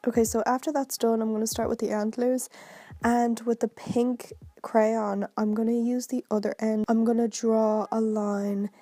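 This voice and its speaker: A woman's voice: fairly high pitch, flat delivery, normal speed, warm tone, no room sound. A woman beauty vlogger narrating a tutorial in a casual, chatty, informal way.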